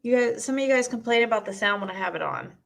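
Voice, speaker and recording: A woman streamer with a squeaky voice chatting bluntly and rambling with her viewers, recorded on a cheap mic. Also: expressive, fast talker, vocal fry. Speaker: streamer reading chat. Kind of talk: casual live-stream commentary. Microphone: cheap twelve-dollar mic.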